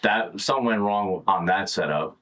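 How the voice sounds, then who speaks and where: A man's voice: low-pitched, normal speed, a bit bright. A man in a band, chatting casually and easily with bandmates. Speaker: band member. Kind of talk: casual group chat.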